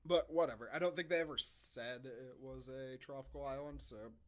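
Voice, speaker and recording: A podcast co-host casually reviews a film, sprinkling in sarcastic asides and frequent swearing. His voice is medium-pitched and he speaks at a normal speed.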